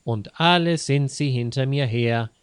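Male reader doing a paranoid, conspiratorial woman, slow and insistent. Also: medium pitch, clear, resonant tone, no room sound, studio quality, close to an everyday voice. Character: paranoid secretive woman distrusting spy agencies.

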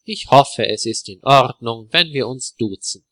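A man's voice: medium pitch, unhurried, a bit bright, no room sound, natural voice. A man voicing a polite, friendly male guest in a spoken story.

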